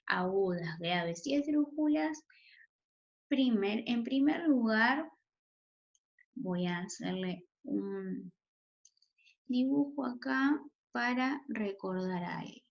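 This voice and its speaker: A woman teacher explains spelling rules to children very slowly, pausing often to ask "¿sí?". Her voice sits a bit high. The recording is dull and lo-fi. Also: animated, creaky. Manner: checks in with a questioning "¿sí?" after each point. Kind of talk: slow, deliberate spelling lesson for children.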